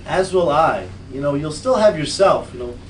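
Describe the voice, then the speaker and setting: Stage play: actor as a calm, dry, advising other self; slightly high, heard from a distance in a roomy space. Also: male voice, normal speed, natural voice. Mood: gentle. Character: calm wry young man, the hero's other self. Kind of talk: live stage acting. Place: small theatre stage. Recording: distant echoey stage recording, faint noise.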